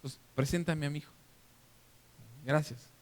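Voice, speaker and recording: A man with a Mexican accent preaching a sermon as pastor, animated and interactive, often checking that the congregation is following. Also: on the high side, measured pace. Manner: animated, acts out scenes for the listeners. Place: church hall. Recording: long reverb of a church hall.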